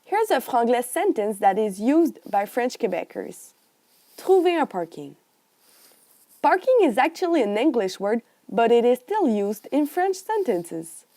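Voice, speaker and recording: Student presenter: a woman with a fairly high, animated voice, reading her script carefully. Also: moderate pace, few pauses. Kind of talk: reading a prepared class presentation.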